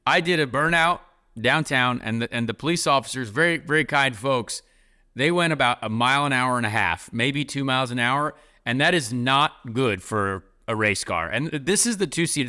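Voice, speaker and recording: Podcast host, man, bright forceful voice, rambling casual storyteller. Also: medium pitch. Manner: rambling, heavy use of "like".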